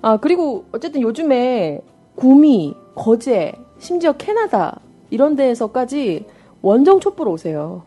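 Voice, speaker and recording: A woman hosts a casual talk show with a lot of laughter and quick reactions. Her voice sits a little high and moves around a lot. Faint music plays under her. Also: sing-song. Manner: laughs often, bright reactions. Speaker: host. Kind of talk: casual podcast chat.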